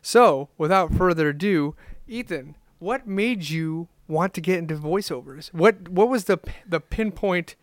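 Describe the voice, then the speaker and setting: A man's voice: sits high, a little slow, dry recording, studio quality. A man hosting his own podcast, chatting loosely with fillers and restarts. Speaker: podcast host. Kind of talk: casual podcast chat.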